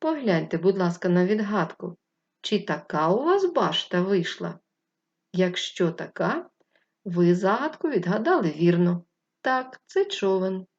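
Slow, patient woman teaching young children. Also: lowish voice, big pitch swings. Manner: patient, speaks to children, draws out syllables. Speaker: primary school teacher. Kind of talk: slow, clear remote lesson for first graders. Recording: dull lo-fi recording.

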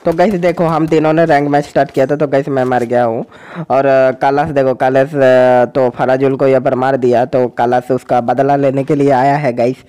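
Excitable man yelling gameplay commentary. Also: mid-range voice, normal speed, clean tone. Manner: loud, crude slang, cheering teammates. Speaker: gaming YouTuber.

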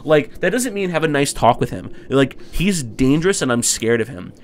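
Rambling, excitable young man. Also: mid-range voice, normal speed, a little hiss or hum. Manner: rambling, excitable, swears a lot, many fillers. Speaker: podcast co-host. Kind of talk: casual chat.

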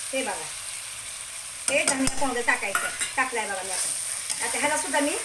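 A woman with a Marathi accent and a high voice hosts a home cooking channel, giving a casual cooking demonstration in a chatty way, often asking "okay?" and telling viewers to look. Her kitchen is echoey, with a pan sizzling and pots clattering behind her.

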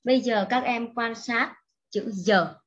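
A woman teaching an English lesson to young children, speaking slowly and patiently and repeating each word for the class to echo. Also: on the high side, fairly bright tone, muffled recording. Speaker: primary school English teacher.

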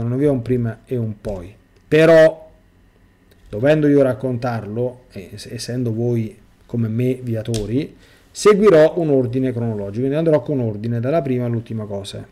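A man's voice: medium pitch, normal speed, dark tone. A middle-aged priest reading a testimony aloud in a sermon and breaking off to exhort his listeners.

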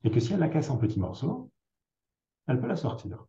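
Dark-voiced man explaining in a roomy recording. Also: medium pitch, huge pitch swings, brisk, gravelly. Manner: explains with worked examples, frequent hesitations. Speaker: psychiatrist guest. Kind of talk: conversational clinical explanation. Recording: roomy, dull lo-fi sound.

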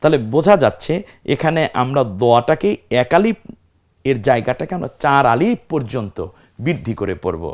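In a sing-song, mid-range voice at a slightly fast pace, a man gives a Quran recitation lesson. He explains step by step and draws out the Arabic syllables as he demonstrates them.

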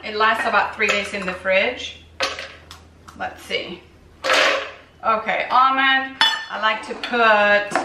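Rambly chatty woman, fairly high voice, talking from across an echoey kitchen. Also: very noisy. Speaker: raw vegan recipe vlogger. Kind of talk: casual kitchen demo. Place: home kitchen. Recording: echoey kitchen, mic at a distance.

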